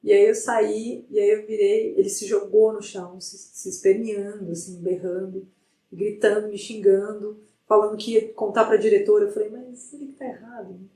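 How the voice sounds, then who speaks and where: A middle-aged woman, a psychologist guest, telling a story in a lively way with many restarts. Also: medium pitch, normal speed, far from the mic. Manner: animated retelling with frequent restarts. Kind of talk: conversational storytelling in an interview. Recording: roomy sound from off the mic.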